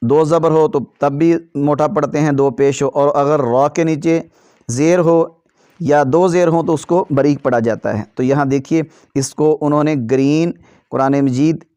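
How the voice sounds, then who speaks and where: A male Quran teacher with a rather high, very clear voice, recorded dry and close. He chants letter drills slowly and explains quickly in between. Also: fairly even intonation, mellow, dry recording. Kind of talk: slow drilled recitation lesson.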